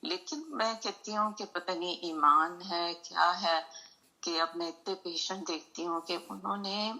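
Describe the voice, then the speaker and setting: A woman's voice: lowish voice, pushed and bright, poor audio. A middle-aged woman oncologist speaking earnestly in a remembrance talk, mixing English phrases into her speech.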